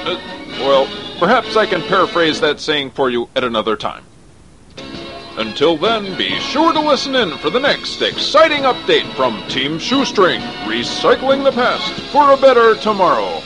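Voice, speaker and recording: Brief: mock-earnest male sports announcer, animated, music bed. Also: a little high, normal speed, rough recording. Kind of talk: mock sports news report.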